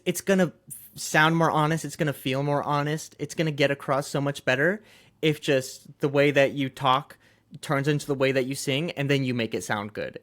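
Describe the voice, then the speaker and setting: A man co-hosting a casual music podcast. He rambles through his thoughts, stacks up filler words and laughs easily. His voice sits at an ordinary middle pitch. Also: fairly bright tone. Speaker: podcast co-host. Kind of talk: casual chat about music.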